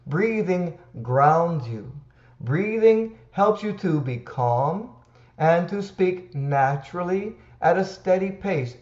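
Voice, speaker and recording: A male tutor with a fairly high voice talks slowly and deliberately, coaching in a calm, reassuring way. The recording sounds roomy and slightly dull, as if captured in a bare room. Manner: slow, emphatic and reassuring, counting breaths aloud. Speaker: TOEFL tutor. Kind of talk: direct-to-camera teaching.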